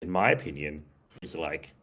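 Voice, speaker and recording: A man's voice: extremely low pitch, lively intonation, moderate pace, creaky, a bit bright. A man hosting a casual chat, talking eagerly with lots of fillers and laughs. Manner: enthusiastic, many fillers and laughs. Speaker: podcast host.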